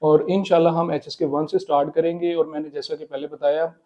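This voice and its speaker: A man explaining Chinese pronunciation in a casual spoken lesson, repeating words slowly. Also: a little high, level tone, dark tone, lo-fi sound. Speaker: Chinese language teacher.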